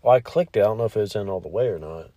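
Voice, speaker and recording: A man's voice: lowish voice, lively intonation, rapid-fire, dark tone, dry recording. A man hosting a podcast, chatting casually and rambling, with offhand swearing. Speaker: podcast host.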